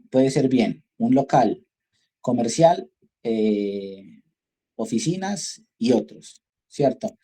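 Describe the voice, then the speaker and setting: A man's voice: medium pitch, warm tone, slight background noise. A man gives an online class as an instructor. He thinks aloud as he works and keeps checking in with his students through tag questions. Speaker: university instructor.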